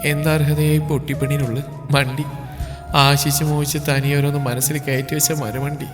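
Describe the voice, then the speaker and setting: A man voicing a grieving, self-doubting young woman, speaking in a soft, hushed, pleading way in a storybook narration. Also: on the high side, little pitch movement, moderate pace, big-room sound, over music, natural voice. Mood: heartbroken.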